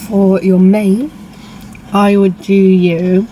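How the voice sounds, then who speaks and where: A woman's voice: medium pitch, little pitch movement, slow pace, mellow, rough recording. A young woman chatting casually as co-host over a meal, in short, informal phrases. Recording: clear background ambient noise.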